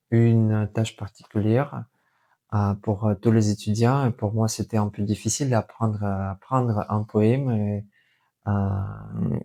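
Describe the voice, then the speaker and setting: Man, Russian accent in French, young, slow pace, halting, searching for words, self-correcting, casual vlog, mellow tone. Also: mid-range voice. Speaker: vlogger and language learner. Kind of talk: casual unscripted vlog talk.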